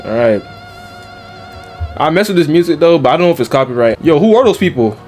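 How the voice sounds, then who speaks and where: A man giving casual let's-play commentary, talking in slang and reacting out loud to the game. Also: fairly high pitch, very animated, a little fast, faint music behind. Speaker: gaming YouTuber.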